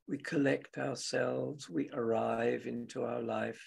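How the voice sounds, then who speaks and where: Here a male meditation teacher speaks in a mid-range, husky and gravelly voice with a steady tone. His guidance is gentle and unscripted, delivered in short phrases broken by long pauses.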